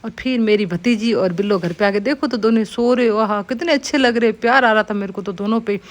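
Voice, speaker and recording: A woman's voice: fairly high pitch, a little fast. A woman with a Rajasthani accent narrating her day in a chatty village vlog, often saying "bhai" to her viewers. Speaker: vlogger.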